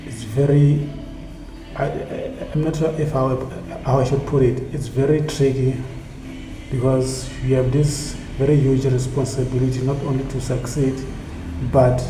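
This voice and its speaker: In an echoey room with steady noise behind him, a man speaks at medium pitch, flat yet earnest, stumbling haltingly and repeating phrases. The founder of a community initiative, he's South African with Tsonga as his first language, and his talk is a reflective, motivational monologue.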